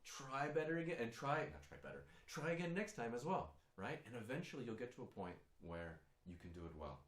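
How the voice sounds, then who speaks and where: A man's voice: mid-range voice, big pitch swings, brisk. A man leading an online singing lesson, who coaches encouragingly and demonstrates sounds by singing, a German speaker by first language. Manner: encouraging, talks the learner through, demonstrates vowels by singing. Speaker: singing teacher. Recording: roomy, with guitar faintly behind.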